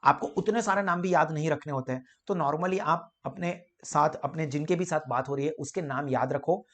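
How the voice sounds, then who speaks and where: A young man giving a casual, animated classroom lecture and acting out little dialogues between people. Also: on the high side, normal speed. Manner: animated, mixes Hindi, Gujarati and English, acts out little dialogues. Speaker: commerce lecturer.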